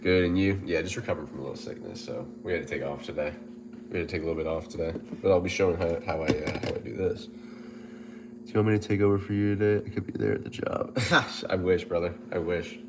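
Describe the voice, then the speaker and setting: On his livestream, a gym owner and personal trainer with a head cold talks in a deep, nasal, stuffed-up voice at a quick pace against a noisy background. He's relaxed and chatty, tends to repeat himself, and reads out comments from viewers.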